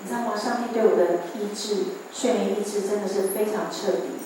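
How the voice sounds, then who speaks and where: A woman's voice: medium pitch, fairly quick, background noise. Echoey Taiwanese woman giving church testimony. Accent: Taiwanese Mandarin. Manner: lively storytelling, asks the audience questions. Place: large church hall. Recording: echoey church hall from far off.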